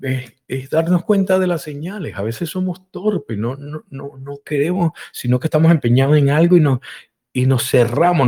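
Guy hosting a live call-in show, tells jokes with lots of voices and motor noises. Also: medium pitch. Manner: animated storyteller, acts out voices and engine sounds. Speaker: host. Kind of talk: live call-in talk with a told joke. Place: live online broadcast.

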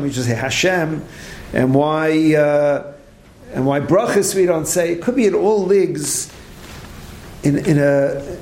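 Rabbi teaching a late-night Talmud class: higher gravelly voice, animated rhetorical questions, echoey room. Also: male voice, slight background noise. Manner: animated, rhetorical questions, frequent restarts, Hebrew terms.

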